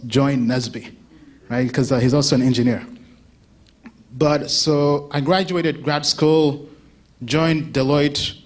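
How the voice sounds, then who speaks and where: Speaking at a conference, a man from Uganda in his thirties keeps his talk informal, quizzing the audience, chatting with them and laughing a lot. His pitch sits in the medium range.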